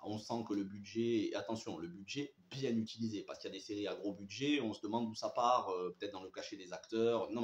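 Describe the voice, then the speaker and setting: A young man with a French accent talks through his review with eager, gushing energy, restarting sentences and filling pauses as he goes. His voice sits on the low side. The sound is echoey, as if he is in a bare room. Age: young adult. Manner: enthusiastic, chatty, many fillers and restarts. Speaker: series reviewer. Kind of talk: casual spoken review.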